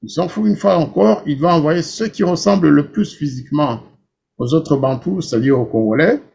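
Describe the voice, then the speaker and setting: A man's voice: fairly high pitch, normal speed, gravelly, darkish tone, husky, highs cut off. A man hosting a political talk show, explaining his view to a guest in a firm, assertive way. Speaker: radio host.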